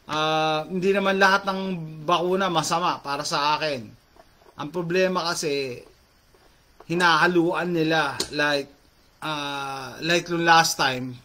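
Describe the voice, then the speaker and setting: A middle-aged man hosts a casual, talkative chat with viewers, reading their comments aloud. He speaks Tagalog peppered with English phrases and plenty of fillers, in a voice on the high side with a sharp tone.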